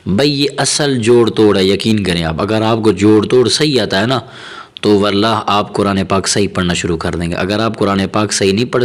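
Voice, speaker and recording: A man teaching Quran reading step by step, slowly drawing out syllables and sounds, then explaining quickly, often repeating and checking that learners follow. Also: on the low side. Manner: patient, repeats and checks understanding. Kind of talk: step-by-step recitation lesson.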